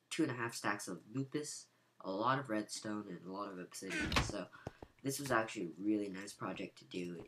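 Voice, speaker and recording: A man with a gravelly, just-woken-up voice thinks aloud while he builds, explaining each step. His speech sits fairly low. A home desktop mic picks up a steady hiss and clicking. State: raspy morning voice, just woke up. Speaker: gaming channel host. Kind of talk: gameplay walkthrough commentary.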